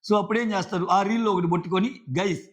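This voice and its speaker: A man's voice: high voice, brisk. A man reviewing a reality show in casual, argumentative commentary. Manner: animated, argumentative, acts out contestants' lines. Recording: dull lo-fi audio.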